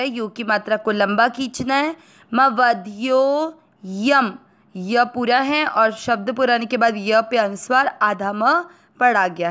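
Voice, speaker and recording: Slow, clear-voiced Indian woman teacher. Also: fairly high pitch, fairly bright tone. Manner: breaks words into syllables, then chants the verse slowly. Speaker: Sanskrit pronunciation teacher. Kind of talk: slow syllable-by-syllable recitation lesson.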